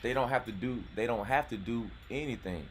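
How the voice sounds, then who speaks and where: Outdoors by a golf course, a North Carolina man in his forties hosts his channel's live stream, chatting casually and wandering from point to point with plenty of "you know what I'm saying." He speaks briskly in a mid-range voice, and there's a little hiss or hum.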